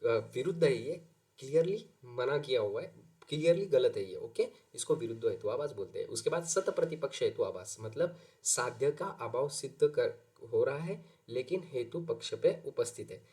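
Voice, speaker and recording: A man teaching an exam-prep lesson. His voice sits at a middle pitch. He keeps posing rhetorical questions and answering them as he explains. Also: animated, moderate pace, dark tone.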